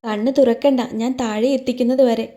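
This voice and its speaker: A young wife in a read-aloud romance gently coaxes her husband awake, as a woman narrator voices her. Her voice is soft, a little high and mellow. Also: fairly even intonation, a little fast, natural voice. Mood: gentle. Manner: gentle, coaxing.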